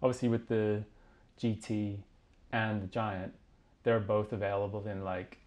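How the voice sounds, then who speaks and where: A man's voice: lowish voice, flat delivery, a little slow, darkish tone. A man hosting a casual review chat, prompting with tag questions, in an office. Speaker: host. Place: office with bike on display.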